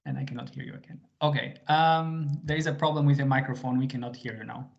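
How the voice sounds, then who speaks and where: Switching between English and Albanian, a patient male teacher leads a small group in a live online language lesson, his speech dotted with little fillers. He talks quickly in a gravelly, medium-pitched voice with a steady tone, heard through slightly muffled video call audio.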